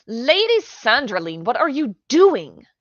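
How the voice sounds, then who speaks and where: A woman's voice: fairly low pitch, big pitch swings, slow, sharp tone, dry recording, heavily acted. Woman doing a sneering snobbish noble girl. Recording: dry, dull lo-fi recording.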